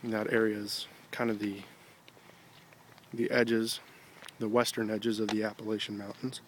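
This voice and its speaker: An American man talking casually with a pipe in his mouth, rambling in a halting, reflective, unhurried way. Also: lowish voice, little pitch movement. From Ohio, United States. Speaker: video blogger. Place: outdoors on an evening stroll. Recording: noticeable background noise, ambience.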